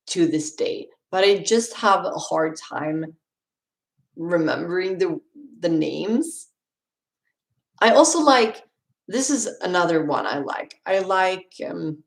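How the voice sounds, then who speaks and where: Slow, low-voiced Swedish woman streaming. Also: creaky, echoey room. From Sweden. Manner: chatty, rambling, laughs often. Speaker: streamer answering viewer questions. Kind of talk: casual live-stream Q&A.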